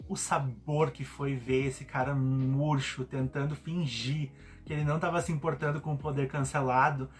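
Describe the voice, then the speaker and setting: A man's voice: mid-range voice, level tone, moderate pace, hardly any pauses. A young man with a Brazilian Portuguese accent, a show host giving casual, opinionated commentary in an indignant, sarcastic way.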